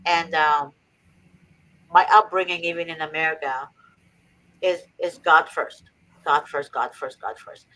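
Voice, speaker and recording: A woman's voice: deep voice, fairly even intonation, measured pace, pauses often, a bit bright, low-quality recording. A woman from Egypt hosting a faith-based advice talk, earnest and preachy with emphatic repetition. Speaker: host.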